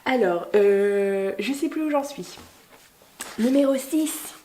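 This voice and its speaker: A woman's voice: medium pitch, expressive, a little slow, dark tone. A young woman unboxing gifts in a casual vlog, gushing and exclamatory, full of fillers and little delighted cries. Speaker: book vlogger. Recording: noisy home recording.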